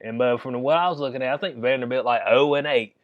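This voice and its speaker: A man's voice: mid-range voice, quick pace, no echo, phone-quality sound. A man with a Southern US accent giving a casual, comedic sports rant in an incredulous, slangy, chuckling manner. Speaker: commentator.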